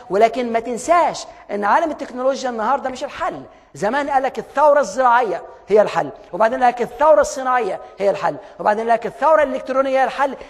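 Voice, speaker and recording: An Egyptian man gives a motivational lecture at a breakneck pace. His voice sits very high and he tells stories with energetic emphasis. A long hall reverb trails behind him. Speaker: motivational speaker.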